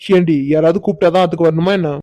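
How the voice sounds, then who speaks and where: A woman's voice: on the low side, steady tone, mellow, dry recording, lightly acted. A woman playing a cocky teasing village youth. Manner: teasing, unhurried, mock-innocent. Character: teasing young village man, cocky and playful. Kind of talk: cartoon voice acting.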